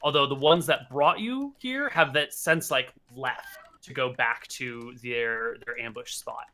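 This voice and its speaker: A man's voice: medium pitch, measured pace, sharp tone. A man narrating a tabletop game as game master, with casual, rambling narration full of fillers.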